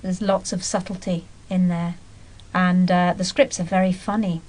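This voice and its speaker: A woman voice actress giving measured, thoughtful interview answers about her character. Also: fairly low pitch, level tone, a little mellow, poor audio.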